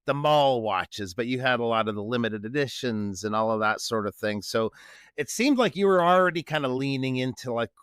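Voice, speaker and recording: A man co-hosting a podcast, asking questions in a relaxed, conversational way. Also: mid-range voice, brisk, smooth, no room sound, clean studio sound. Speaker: podcast co-host. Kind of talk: casual podcast interview.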